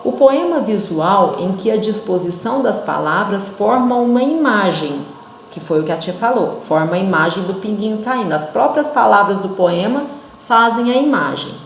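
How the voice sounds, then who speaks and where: A woman teacher with a Brazilian Portuguese accent giving a recorded lesson to young children, patient and expressive. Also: medium pitch, slight background noise. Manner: slow, patient and expressive, talks to kids as their teacher. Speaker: primary school teacher. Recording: echoey room.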